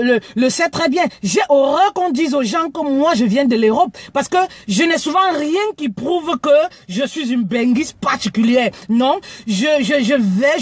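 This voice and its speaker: A woman's voice: sits high, dry recording. A woman from Cameroon talking frankly in a casual live video, often stumbling and repeating words. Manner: frank, stammering repetitions. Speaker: live streamer.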